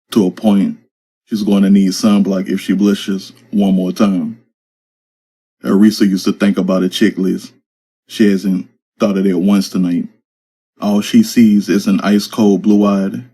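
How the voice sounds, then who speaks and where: Male narrator, low mellow voice, flat even delivery, casual slangy storytelling. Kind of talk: reading his own urban fantasy story.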